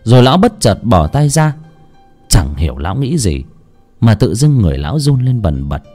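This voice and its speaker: A man narrating a horror story in a slow, dramatic, suspenseful way. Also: fairly low pitch, sing-song, mellow, soft background music.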